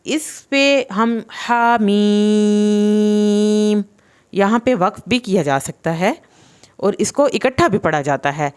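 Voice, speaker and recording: A woman teaches Quran recitation rules. Her voice is smooth and clear, at a middle pitch. She explains patiently and draws each letter sound out slowly. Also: lively intonation. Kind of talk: tajweed lesson.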